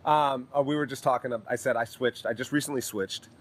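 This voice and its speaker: A man hosting a casual podcast, a stand-up comic who talks in a relaxed way with lots of "uh" fillers. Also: mid-range voice, a little fast, slight background noise.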